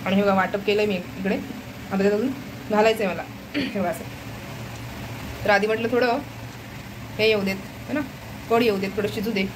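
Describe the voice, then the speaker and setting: A woman's voice: medium pitch, fairly even intonation, normal speed, pauses often, background noise. A young woman hosting a casual home vlog, chatting to viewers and constantly pointing things out around her kitchen. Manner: chatty, keeps repeating "look" to viewers. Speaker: vlog host.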